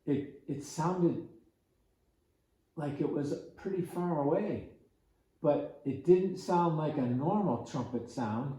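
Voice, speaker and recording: A man telling a story to children in a slow, conversational, gently animated way. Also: a little high, very echoey, low-quality recording.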